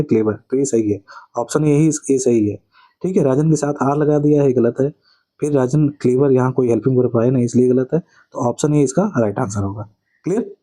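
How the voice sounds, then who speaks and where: A man with a Hindi accent teaching an exam-prep lesson, reading out test questions, explaining answers and often asking "clear?". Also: mid-range voice, warm tone, poor audio. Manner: asks "clear?" after each answer, repeats key words as questions.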